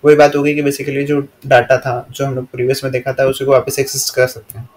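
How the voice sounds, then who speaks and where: A man with an Indian accent explaining computer memory slide by slide, reading English lines slowly and then explaining them in a steady monotone. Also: medium pitch. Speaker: teacher.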